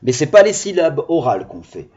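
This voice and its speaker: A man's voice: fairly high pitch, very animated, brisk, a little mellow, muffled recording. A male primary school teacher giving a video phonics lesson to young children, patiently sounding out syllables.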